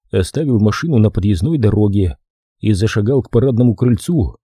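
Dark, husky male audiobook narrator. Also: on the low side, no room sound. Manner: dry, wry storytelling. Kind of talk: first-person detective novel narration.

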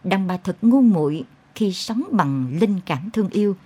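A woman's voice: mid-range voice, expressive, measured pace, dark tone, husky. A woman narrator voicing a weary young woman who bitterly insists on leaving her lover, in an audiobook. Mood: resolute. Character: weary young woman ending a bad affair.

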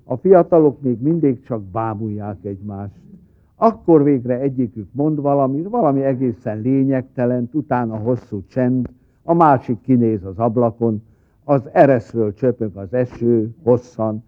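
A man speaks a wry, deadpan satirical monologue at an even middle pitch. The sound is thin and tinny, like an old cassette. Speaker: comedy writer.

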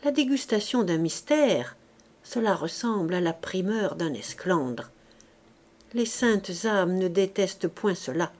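A woman reading a classic novel aloud as an audiobook, in a measured, expressive style. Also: mid-range voice. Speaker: audiobook reader. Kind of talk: literary audiobook narration.

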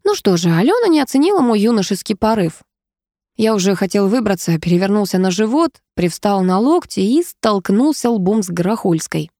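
A woman reading a story aloud in a lively, expressive manner. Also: mid-range voice, normal speed, no echo, studio quality. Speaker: audiobook narrator. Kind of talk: scripted narration.

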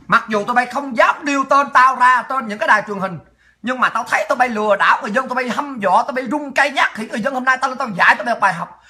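A woman hosting a political livestream, ranting in fury, hurling insults and often shouting. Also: fairly high pitch, racing. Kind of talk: angry political rant.

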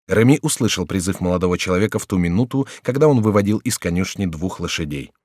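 A man narrating an audiobook in a steady, measured storytelling manner on a close studio mic. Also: deep voice, no echo. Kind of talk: scripted narration.

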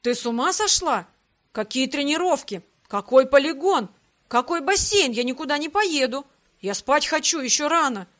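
A woman's voice: on the high side, moderate pace, a bit bright, close to an everyday voice. A woman voicing a sleepy, grumpy young man who complains indignantly.

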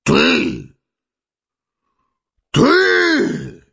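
A man's voice: lively intonation, fairly quick, dull audio, full character voice. A man reading an audiobook voices an enraged, proud older dwarf king in a strained, ranting voice, over faint music. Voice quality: shrill, gravelly and strained when shouting. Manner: ranting, accusing.

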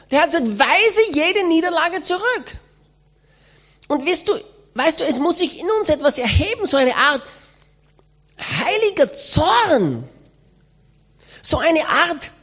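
A woman's voice: high voice, fairly bright tone. A woman speaking a sermon as a voice-over, in an emphatic, exhorting way.

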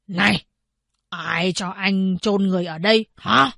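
A woman's voice: medium pitch, steady tone, measured pace, vocal fry, fairly bright tone, no echo, clean studio sound. A woman playing a bullying, barking official. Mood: commanding. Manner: barking, scolding, contemptuous. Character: arrogant, bullying male government official.

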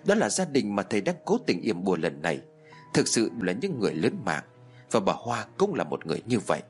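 A man narrating a horror story with dramatic, lively delivery. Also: on the low side, a little fast, faint music behind.

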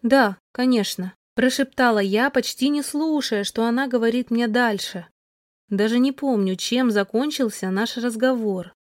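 A young woman narrates a first-person story in an even, thoughtful manner. Her voice sits fairly high. The recording is close and dry, with no room sound. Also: moderate pace, dry recording. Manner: introspective, even.

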